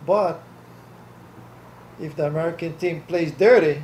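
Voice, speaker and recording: An older Hawaiian man with a fairly high, darkish voice answers oral history interview questions at an unhurried pace. He's blunt and plainspoken and laughs easily. The room is echoey, with a faint hiss.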